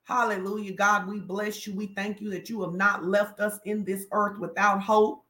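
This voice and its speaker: A woman's voice: mid-range voice, flat delivery, moderate pace, a bit bright. A woman preaching a fervent sermon, declaring and commanding her congregation in a call-and-response cadence. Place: church hall. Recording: echoey room.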